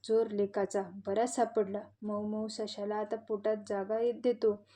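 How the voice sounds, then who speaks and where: A woman's voice: medium pitch, level tone, measured pace, dark tone, natural voice. A woman voicing a greedy, sly male wolf in a children's audio story, full of blustering threats. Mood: gloating.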